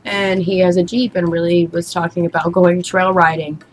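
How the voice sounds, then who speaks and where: A woman's voice: fairly low pitch, flat delivery, normal speed, faint music behind, rough recording. A young American woman chatting casually, telling things in a rambling way with quoted back-and-forth. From United States. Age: young adult. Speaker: vlogger answering an ex's questions. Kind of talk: casual chat.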